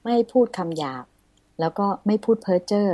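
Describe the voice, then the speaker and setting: A woman hosting a radio talk show on Buddhist teaching, speaking politely and formally with soft courtesy particles. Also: medium pitch, fairly quick, no room sound. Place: radio studio.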